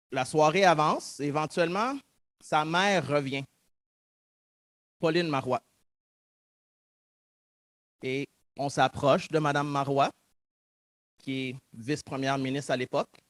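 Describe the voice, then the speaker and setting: Recorded dry, a man with a fairly high, fairly bright voice takes his time and pauses often. He's a Québécois-accented guest speaker in his thirties from Montreal, Quebec, giving a public talk in which he earnestly reflects on his story and reenacts remembered dialogue.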